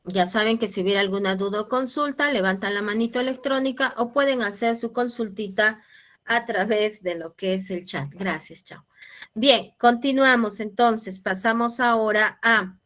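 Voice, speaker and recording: A woman's voice: fairly high pitch, a bit bright. A woman teaching an online class, explaining patiently and checking in with her students. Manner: patient, checks in with tag questions.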